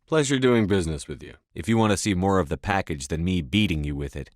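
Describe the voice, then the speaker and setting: A composed, businesslike male military commander from a sci-fi video game. His voice sits low and he speaks in measured, clipped, matter-of-fact lines with a tough edge. The sound is dry, with no room on it. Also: lively intonation, no echo. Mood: cool, businesslike. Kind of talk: scripted video game dialogue.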